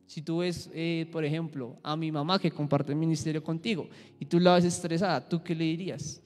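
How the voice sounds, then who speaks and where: Young man, church teacher; lively Q&A Bible lesson, echoey hall. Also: on the high side, brisk. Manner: asks the group questions, acts out examples. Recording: echoey hall with faint music.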